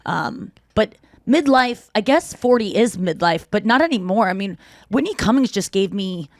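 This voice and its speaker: A woman in her late thirties hosts a podcast in loose, joking chat that wanders from one thought to the next. Her voice sits at an everyday middle pitch. It is recorded close and dry, with no room sound. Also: animated, normal speed, no room sound. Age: 30s. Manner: chatty, jokey, rambling. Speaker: podcast host. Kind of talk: casual chat.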